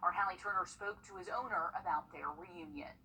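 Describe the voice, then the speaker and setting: A woman's voice: fairly low pitch, a little fast, sharp tone. A woman news anchor reading an upbeat local story in the studio. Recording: distant mic, faint noise.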